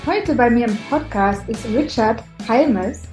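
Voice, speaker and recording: A woman's voice: a little high, unhurried, darkish tone, faint music behind, low-quality recording. A woman hosting a career podcast, introducing her guest and asking friendly questions. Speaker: podcast host. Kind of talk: podcast interview.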